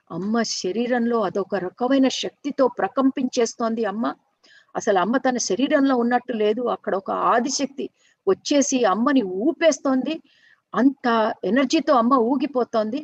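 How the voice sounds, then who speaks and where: Earnest woman storyteller, slightly high voice. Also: darkish tone, dry recording, lo-fi sound. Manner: earnest, halting, frequent restarts and self-corrections. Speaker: storyteller and workshop teacher. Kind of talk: unscripted spoken storytelling.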